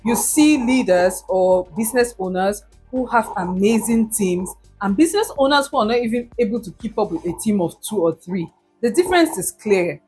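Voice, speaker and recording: A husky-voiced woman in her thirties gives business advice straight to camera, emphatic and direct with her viewers. Soft music plays faintly behind her. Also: mid-range voice. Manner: direct and emphatic, addresses viewers, laughs often. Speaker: business owner giving advice. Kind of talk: motivational talk to camera.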